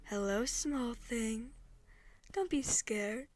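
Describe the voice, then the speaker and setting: A woman voicing a female eldritch deity who speaks slowly and calmly in a soothing but threatening, condescending way. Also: a little high. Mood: soothing menace. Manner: slow, calm, condescending.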